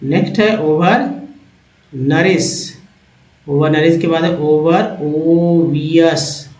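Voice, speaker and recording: A man teaching English, slowly reading out word lists and repeating each word for his learners. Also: fairly high pitch, fairly even intonation, a little mellow. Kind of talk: slow word-by-word reading lesson. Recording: echoey, dull lo-fi room sound.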